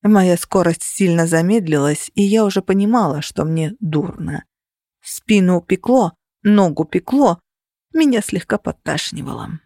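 A woman reading a first-person fantasy novel aloud with steady, lively storytelling. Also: on the low side, unhurried, no echo, clean studio sound. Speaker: audiobook narrator. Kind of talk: scripted first-person narration.

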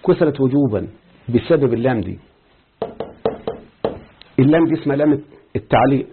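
Egyptian guy teaching grammar class, husky voice, sounds like an old tinny lo-fi tape. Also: mid-range voice. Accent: Egyptian Arabic. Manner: explains step by step, quizzes students, quotes examples slowly. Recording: tinny phone-like lo-fi recording.

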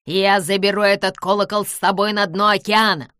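A woman's voice: medium pitch, fairly even intonation, fairly quick, smooth, dry recording, clean studio sound, lightly acted. A woman voicing a spiteful little old man. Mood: bitter. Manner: shouting, gloating, cackling.

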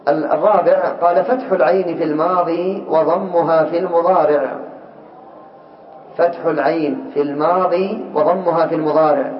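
A man teaching a lesson to students, speaking slowly and deliberately and repeating each word so they can follow. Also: fairly high pitch, slight background noise. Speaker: teacher of Arabic morphology. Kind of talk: classroom lesson commentary. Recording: echoey, dull lo-fi room recording.

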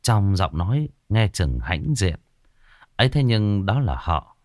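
A man narrating a ghost story in an expressive storytelling manner. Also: lowish voice, takes it slowly, dry recording, clean studio sound.

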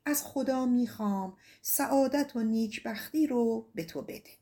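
A woman reading an audiobook voices the wise and majestic sun as a kindly male king, who speaks in a gentle, measured way. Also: a little high, lightly acted.

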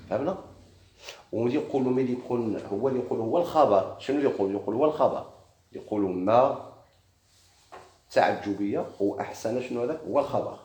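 A man's voice: mid-range voice, darkish tone, echoey room, a little hiss or hum. A man with a Moroccan Arabic accent teaching a grammar lesson, explaining step by step and quizzing his students with questions. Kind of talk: classroom lesson.

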